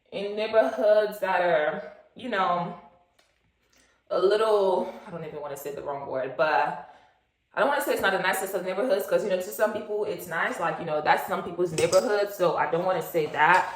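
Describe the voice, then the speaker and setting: A woman in her twenties from Nigeria, vlogging in a rambling, chatty way with lots of fillers and asides. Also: medium pitch. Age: 20s. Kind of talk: casual chat, get-to-know-me story. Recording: echoey room.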